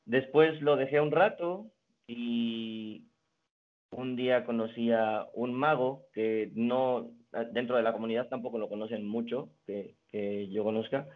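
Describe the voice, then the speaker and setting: A young man from Mexico, a guest in a casual interview, telling his story in a relaxed way with many restarts. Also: medium pitch, a little slow. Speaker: guest, card designer and magician. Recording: phone-like narrow band.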